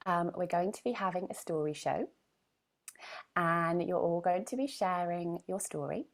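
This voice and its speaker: A woman coaching a group in a live online session, speaking emphatically and often checking in with "right?". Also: lowish voice. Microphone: video call.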